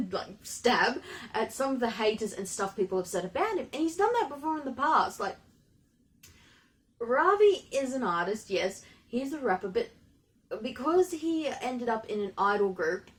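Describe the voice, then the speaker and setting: A woman giving a casual fan reaction, gushing excitably like a fangirl and rambling haltingly as she thinks aloud. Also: on the high side, low-quality recording. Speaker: reaction video host. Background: music playing.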